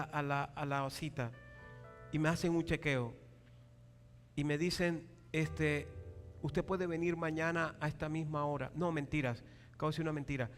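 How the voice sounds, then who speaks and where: A male pastor preaching a sermon, animated and acting out dialogue, often asking the congregation for a reply. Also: on the high side. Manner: acts out quoted dialogue in raised voices. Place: large church hall. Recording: long hall reverb with faint music.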